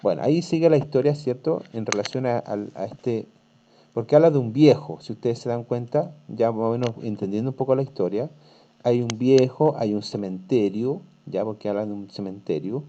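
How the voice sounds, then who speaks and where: A man's voice: medium pitch, moderate pace, warm tone, slight background noise. A man teaching an online class, patiently reading and explaining a text, checking in often with "¿cierto?". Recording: dull lo-fi online class audio.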